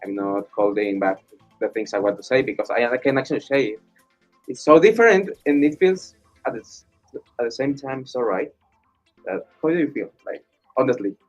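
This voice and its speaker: Young man, mid-pitched, frank student guest, slightly muffled lo-fi radio sound. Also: lively intonation, normal speed, soft background music. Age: young adult. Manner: open and candid, laughs between phrases. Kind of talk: casual chat.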